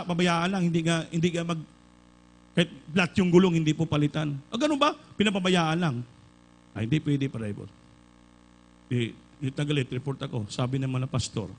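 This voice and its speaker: Fervent Filipino preacher, raised pitch. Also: male voice, poor audio. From Philippines. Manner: storytelling, building to loud fervent exhortation; mixes English phrases into Filipino preaching. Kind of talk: sermon.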